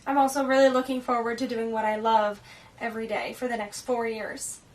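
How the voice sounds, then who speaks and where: A woman's voice: a little high, flat delivery, brisk, slight background noise. An eighteen-year-old woman from Wisconsin, cheerfully introducing herself. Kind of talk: self-introduction.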